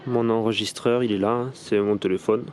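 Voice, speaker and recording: A man from France with a French accent, vlogging a paranormal investigation outdoors in a cemetery, recorded on a phone. He talks in a rambling way, often correcting himself, and slows down and turns polite when he calls out to spirits. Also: fairly low pitch, steady tone, slight background noise. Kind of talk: casual vlog.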